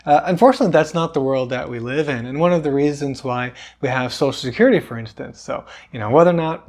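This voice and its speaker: A man at a mid pitch hosts a personal finance video, talking casually to his viewers. He keeps things loose and chatty, hedging with little asides as he explains. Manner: relaxed and conversational, with many fillers and self-aware asides. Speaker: personal finance channel host.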